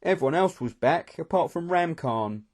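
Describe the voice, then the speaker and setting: A man reading a novel aloud in the first person, steady and expressive. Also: fairly high pitch, normal speed. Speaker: audiobook narrator.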